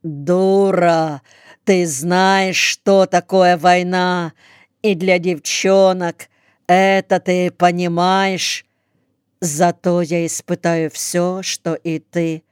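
A woman's voice: on the low side, flat delivery, takes it slowly, a little mellow, clean tone, no echo, studio quality. A woman reading the lines of a hot-tempered young male soldier back from the front, in a curt, commanding tone. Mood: gruff.

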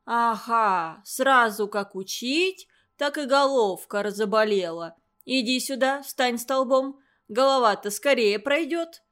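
A woman's voice: a little high, lively intonation, slow, a bit bright. A woman voicing a huge, cruel old female tutor who scolds her pupils in a harsh, furious way. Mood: angry scolding.

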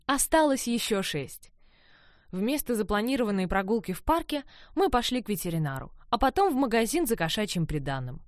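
A woman and mother reading her own story aloud in an expressive, storytelling manner. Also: on the high side, no room sound, studio quality. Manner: lively, storytelling with varied intonation. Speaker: narrator, mother. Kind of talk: expressive audiobook narration.

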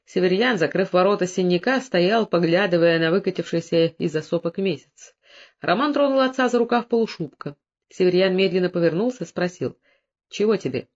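A narrator reading a novel aloud in a steady storytelling manner. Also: medium pitch, fairly quick. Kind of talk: scripted audiobook narration. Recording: dull lo-fi recording.

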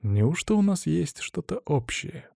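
A man's voice: on the high side, sing-song, measured pace, vocal fry, background noise. A man narrating a first-person audiobook in a wry storytelling manner.

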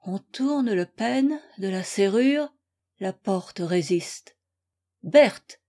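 A woman reading a classic novel aloud in a measured, dramatic way. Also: medium pitch, animated, warm tone. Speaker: audiobook reader. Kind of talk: scripted literary narration.

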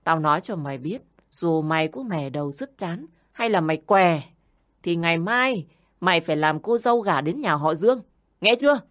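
A woman doing a shrill, scolding older aunt. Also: lively intonation, moderate pace. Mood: yelling. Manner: yelling, berating, harsh.

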